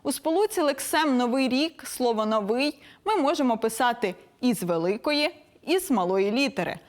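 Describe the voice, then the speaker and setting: A young woman presenting a scripted language lesson in a crisp, didactic and lightly playful manner. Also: fairly high pitch, expressive, normal speed.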